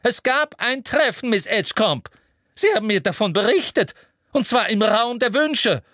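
A man's voice: big pitch swings, measured pace, no room sound, clean studio sound. A man voicing a simpering, cruel female official with a toad-like smile in an audiobook reading. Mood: furious. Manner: sugary and shrill, turning furious.

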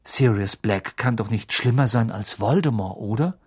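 A man's voice: lowish voice, breathy edge. A man voicing a frank, defiant teenage boy in an audiobook, speaking bluntly. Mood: frank, earnest. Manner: blunt, quick, earnest.

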